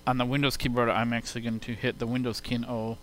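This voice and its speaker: Talking fast in a flat, mid-range voice, this software demonstrator walks through an informal, step-by-step explanation. He's captured on a hissy home computer sound card, so the quality is poor.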